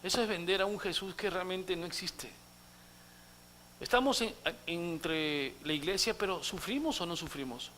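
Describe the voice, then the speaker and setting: High, bright-voiced pastor preaching. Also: male voice, moderate pace, slight background noise. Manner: dramatic, acts out quotes, swings from loud to hushed. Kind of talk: sermon. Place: church.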